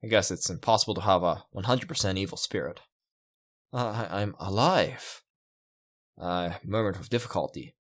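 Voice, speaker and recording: With a low voice at a moderate pace, a let's player reads a visual novel aloud, musing over it and reacting to the story with casual asides while game music plays.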